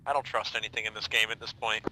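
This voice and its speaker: A man's voice: fairly low pitch, flat delivery, fast, noisy background. A man acting as pilot for his team, talking in gaming voice chat over a headset mic and making dry, wry jokes.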